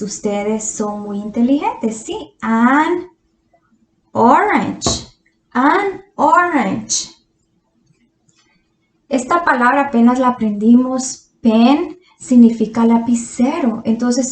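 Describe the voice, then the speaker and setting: A woman teaching English grammar to Spanish speakers, patient and drawn-out, asking her students quiz questions. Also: a little high, a little mellow. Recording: echoey room.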